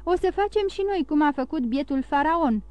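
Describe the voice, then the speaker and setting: A woman's voice: sits high, lively intonation, a little mellow, no room sound, pitched above the performer's own voice. A woman voicing a blunt, loyal old sailor who talks plainly and earnestly in a storybook reading. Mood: eager.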